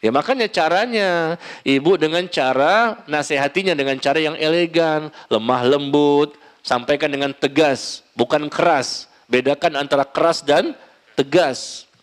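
A man preaching a sermon and answering audience questions, talking in an animated, emphatic and gently humorous way, addressing the listeners directly. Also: on the high side, a little slow. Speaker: Islamic preacher.

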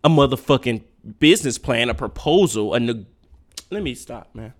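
A man's voice: medium pitch, animated, moderate pace. Profane ranting man with a swooping voice. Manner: profane, blunt, lecturing. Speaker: podcast host. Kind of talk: unfiltered solo rant.

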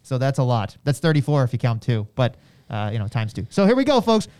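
A man co-hosts a wrestling podcast, chatting casually and repeating phrases as he works through his thoughts. His mid-range voice is brisk and darkish yet clean, with big swings in pitch.

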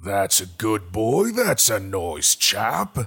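A man's voice: lowish voice, huge pitch swings, takes it slowly, gravelly, a bit bright, husky, heavily acted. A man reading a horror story, voicing a sly, menacing rabbit-like monster with steel teeth in a taunting, mock-friendly, sing-song way with an uncanny, strained timbre.

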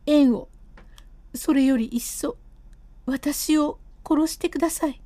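A woman voicing a stubborn, high-voiced wife. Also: takes it slowly, dark tone, dry recording. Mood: distraught. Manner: insistent, rising and pleading. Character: stubborn, proud wife of a painter. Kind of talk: storybook reading of classic comic storytelling.

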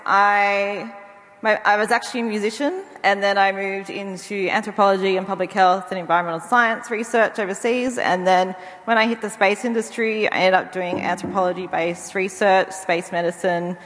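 Woman panelist, chatty and eager, middle pitch, hall reverb. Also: fairly even intonation, moderate pace, a bit bright. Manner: eager, chatty, laughs often. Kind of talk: panel discussion. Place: conference hall.

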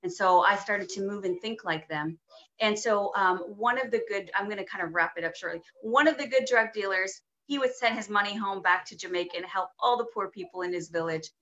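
A woman guest telling her life story in an interview, moving between hushed and emphatic moments. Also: mid-range voice, brisk, dull audio. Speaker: guest sharing testimony. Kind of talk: personal testimony interview.

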